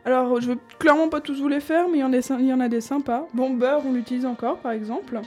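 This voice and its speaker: A woman's voice: high voice, steady tone, fast talker, a little mellow, faint music behind. A woman host in casual chat, listing old slang words with amusement and frequent laughs.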